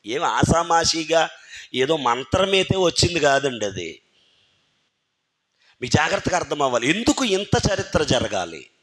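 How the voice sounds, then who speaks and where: Male preacher, high voice, emphatic sermon full of questions put to listeners. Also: sing-song, normal speed, long pauses, a bit bright. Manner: keeps firing rhetorical questions at the congregation and calling on listeners by name; emphatic, urging listeners to think carefully. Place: church hall.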